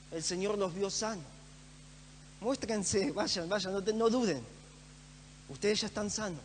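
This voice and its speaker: A man delivers a sermon with earnest emphasis, repeating key phrases. His voice sits very high for a man. The church hall gives it a long, trailing reverb. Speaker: preacher. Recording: echoey church hall with faint hum.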